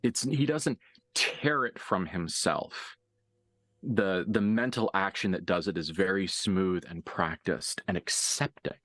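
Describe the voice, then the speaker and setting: Narrating a horror tabletop session, a game master speaks with drama and deliberation, letting pauses add weight. His voice is low and a bit bright, with no echo.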